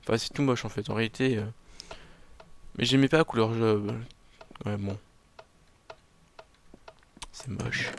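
A man's voice: fairly low pitch, fairly even intonation, unhurried, pauses often. A man giving casual, self-mocking commentary on his own game, muttering to himself as he plays. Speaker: let's play gamer.

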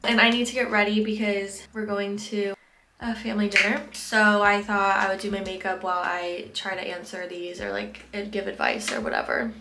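A woman's voice: medium pitch, flat delivery, moderate pace, gravelly, bright, forceful tone, roomy sound, a little hiss or hum. A young woman chatting casually while doing her makeup, frank and full of fillers, a bit out of breath. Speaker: vlogger.

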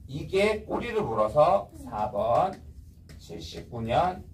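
A man's voice: fairly high pitch, big pitch swings, slow pace, far from the mic, a little hiss or hum, rough recording. A man teaching a casual history lecture, blunt and slangy, stopping often to quiz his students.

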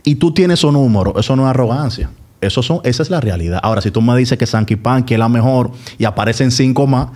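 A man's voice: mid-range voice, fast talker, hardly any pauses, darkish tone. A Dominican-accented man speaking as a sports commentator on a podcast. His talk is casual and emphatic, and he repeats key words to drive home his opinions.

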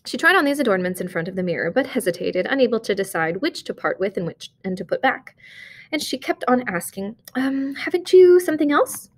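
A woman reading a short story aloud, narrating in a measured, expressive way. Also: mid-range voice. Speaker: reader.

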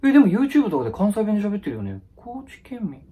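A man with a husky, breathy edge to his voice talks through a comic skit, firing off blunt, rough-edged casual retorts. His pitch leaps and dives constantly. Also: huge pitch swings, fast talker, warm tone. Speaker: comedy YouTuber. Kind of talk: comedic solo skit.

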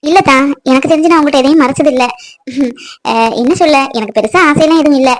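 Woman playing a quick, high sharp-tongued village wife. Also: close to an everyday voice. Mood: sad. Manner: sharp-tongued, teasing and scolding. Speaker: wife in family skit. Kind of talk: village family drama acting.

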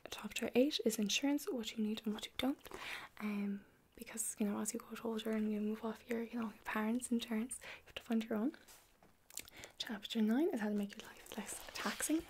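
A young adult woman in a whispered role-play as a chatty librarian, talking in a soft library whisper. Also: on the high side, a little fast. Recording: clear background noise.

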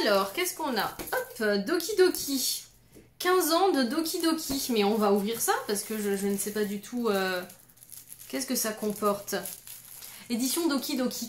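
A woman's voice: mid-range voice, roomy sound, slight background noise. A woman in her thirties gushing through an unboxing vlog, full of oohs and exclamations. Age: 30s. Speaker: YouTuber.

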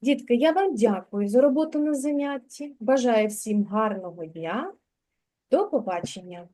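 A woman teaching a literacy lesson to preschool children in a kindergarten classroom, speaking clearly and drawing out words so the children can follow. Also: on the high side, lively intonation, moderate pace, warm tone.

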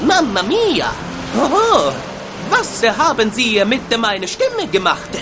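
A boy turned mustachioed plumber in a video game, jolly as a cartoon Italian pizza chef. The mock Italian accent comes with very lively, swinging pitch, over clearly audible background ambience. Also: takes it slowly, very noisy, exaggerated voice. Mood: startled, bothered.

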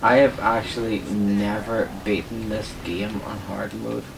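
Drunk young man, low slow rambling, distant mic. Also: flat delivery. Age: young adult. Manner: heavy swearing. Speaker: gaming video host. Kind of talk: casual gameplay commentary. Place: small indoor room at a desk. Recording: distant mic, clear background noise.

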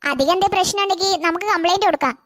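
A voice actor doing a gentle cartoon schoolteacher. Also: extremely high pitch, racing, no room sound, clean studio sound. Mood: instructing. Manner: gentle, instructing. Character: kind female schoolteacher. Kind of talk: cartoon voice acting.

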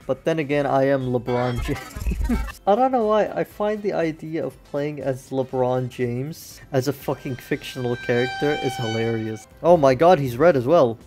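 A young man streaming a fighting game, cursing and yelling at his misses in casual commentary. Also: mid-range voice. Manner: excitable, swears a lot, yells at misses. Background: faint game music.

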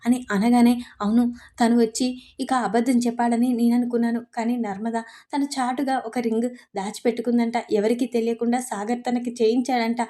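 A woman narrates a TV serial episode in a warm, mellow voice pitched a little high. She tells it steadily, with many fillers, and quotes each character's lines as she goes. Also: level tone, a little fast.

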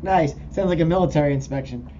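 A man's voice: a little high, fast talker. A man hosting a casual radio interview, reacting with brief, easygoing comments. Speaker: radio host. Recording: dull lo-fi audio with faint hiss.

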